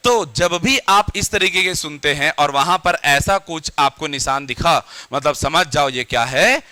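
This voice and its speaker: Bright-voiced man lecturing a class. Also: on the high side, expressive, a little slow, dry recording, faint music behind. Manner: drills students with repeated questions. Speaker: teacher.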